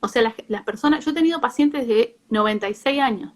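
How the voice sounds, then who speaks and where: A female psychologist with an Argentine accent speaks as a guest at a live talk, explaining things informally. Her delivery halts and she keeps rephrasing herself, and her voice sits on the high side.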